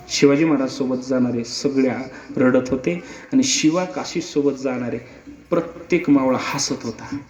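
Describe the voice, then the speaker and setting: A man's voice: medium pitch, a little mellow. A man telling a dramatic historical story emphatically, with repeated lines and rhetorical questions. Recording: echoey, muffled hall recording.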